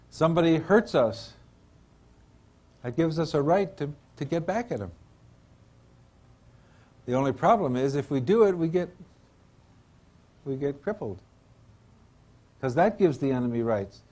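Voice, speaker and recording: A man's voice: a little high, darkish tone. Rambling, professorial older man lecturing. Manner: rambling, professorial, with trailing asides and hesitant repetitions. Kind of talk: informal religious lecture to a class.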